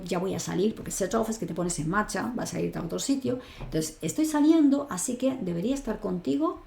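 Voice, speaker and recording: A woman teaching an online English lesson, patiently explaining and reading example sentences slowly. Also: mid-range voice, gravelly, dark tone, roomy sound.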